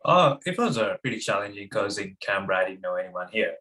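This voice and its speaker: A young man talks as a guest on a casual interview podcast. His voice sits a little low. He hesitates often and fills gaps with pauses. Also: sing-song, sharp tone. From Sri Lanka. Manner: hesitant, many fillers.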